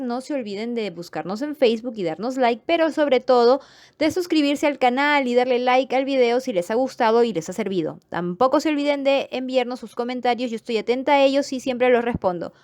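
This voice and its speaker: A woman's voice: a little high, a little fast, no echo. A woman teaching a grammar lesson to viewers, explaining patiently and checking in with them as she goes. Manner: patient, repeats points and checks understanding; friendly sign-off to viewers.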